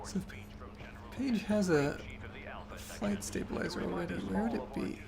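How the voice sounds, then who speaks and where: A young let's play host chats casually while playing a video game, reminiscing and losing his train of thought, with loud game music behind him. His voice is high and gravelly, and he talks at a measured pace.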